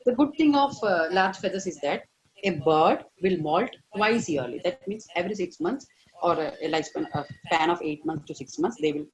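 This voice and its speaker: A man's voice: sits high, animated, moderate pace, rough recording. Hesitant male vet lecturer. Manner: hesitant, many fillers, stresses key words. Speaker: veterinary lecturer. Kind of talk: online lecture.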